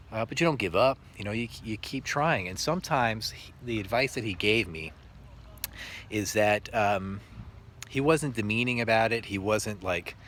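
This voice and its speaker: A male teacher telling reflective stories about his work in an earnest, halting way with many pauses. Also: lowish voice, fairly bright tone, slight background noise. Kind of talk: reflective storytelling monologue.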